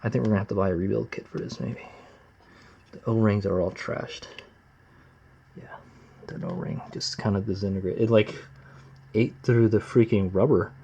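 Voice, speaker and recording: Gruff, gravelly low-voiced plain mechanic man. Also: fairly even intonation, moderate pace, long pauses, mellow. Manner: plain, unpolished mechanic talk with slangy asides. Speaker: amateur motorcycle mechanic, vlog host. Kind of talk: casual hands-on workshop narration. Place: workbench, close to the camera. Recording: slightly dull, lo-fi camera audio.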